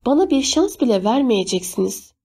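Woman playing a teenage boy, defiant, urgent, defensive, pitched up, mellow, audiobook. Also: sing-song, a little fast, husky, full character voice. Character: defiant teenage boy protecting his strange friends. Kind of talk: audiobook character reading.

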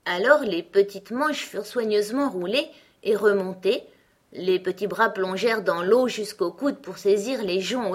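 A woman narrating an audiobook in a calm, even storytelling manner. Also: medium pitch. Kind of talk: scripted narration.

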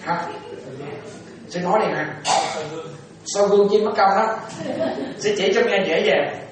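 A Buddhist monk teaches lay followers, often pausing to quiz them and acting out short exchanges. His voice rings through a very echoey room. He stands away from the microphone, so he sounds distant. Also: high-pitched, crowd noise. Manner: asks the audience questions, plays out little dialogues. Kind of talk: dharma talk to lay followers. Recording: echoey room, voice far from the mic.

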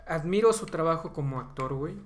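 A man's voice: fairly high pitch, lively intonation, a little fast. A man with a Mexican accent co-hosting a podcast, talking casually in an opinionated, emphatic, slangy way. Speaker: podcast co-host. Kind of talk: casual chat about voice dubbing.

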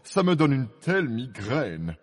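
A man's voice: mid-range voice, sing-song, a little slow, husky, long reverb tail. A man playing a pompous peevish king. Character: pompous fussy fairy-tale king presiding a trial. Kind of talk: storybook audio drama.

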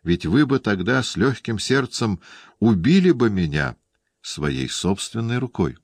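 A man reading the part of a calm, composed nobleman in an audiobook, speaking in a dry, even way. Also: lowish voice, unhurried, no room sound, pitched above the performer's own voice, exaggerated voice.

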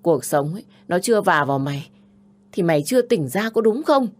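A woman's voice: fairly low pitch, animated, a little fast. A woman voicing a bossy, scolding older sister. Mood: furious. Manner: nagging, scolding, harsh.

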